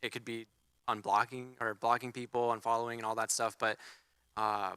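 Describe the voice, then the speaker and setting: A man speaking as a guest on a church panel, thoughtful and a little halting. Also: mid-range voice, flat delivery, pushed and bright, smooth, no room sound, studio quality. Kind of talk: casual panel chat.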